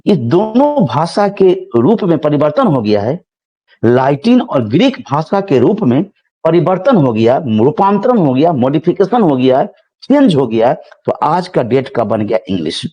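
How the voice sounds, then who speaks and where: A man's voice: a little high, sing-song, unhurried, breathy edge, highs cut off. A man teaching a biology class, repeating himself and explaining everyday examples, speaking a touch. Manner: repetitive, explaining with everyday examples, addresses students as children. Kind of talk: classroom lecture.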